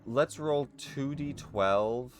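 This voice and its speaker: A man's voice: mid-range voice, very slow, soft background music. A man narrating as game master, loose and rambling, correcting himself as he goes.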